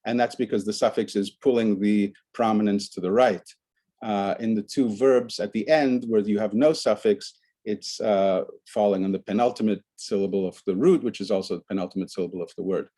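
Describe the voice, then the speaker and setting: A man's voice: on the low side, steady tone, brisk, dark tone. A man giving an academic conference presentation, explaining the examples on his slides one by one.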